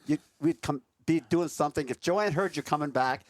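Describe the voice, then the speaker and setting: A man's voice: fairly high pitch, fairly quick, no room sound, studio quality. An older man, a retired game warden, telling salty, laid-back stories in casual conversation. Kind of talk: casual storytelling.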